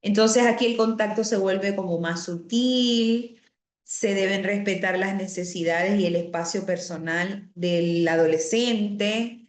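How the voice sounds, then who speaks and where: A woman's voice: medium pitch, unhurried. Woman teaching an online class. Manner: explanatory, repeats key words, frequent "o sea" asides. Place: home or office on a video call. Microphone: computer mic on a video call. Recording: roomy video call audio.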